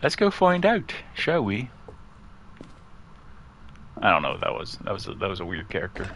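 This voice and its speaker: Deep-voiced, lively male gamer chatting. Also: normal speed, a little hiss or hum. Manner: chatty, laughs easily, talks aside about his cat. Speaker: gaming streamer. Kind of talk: casual let's-play commentary. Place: at home near a couch.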